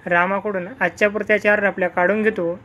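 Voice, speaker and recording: A reader puts on a self-serving village schoolmaster in a storybook tale. He talks in a bossy, demanding manner at a middling pitch. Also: little pitch movement, a little fast, a bit bright, natural voice.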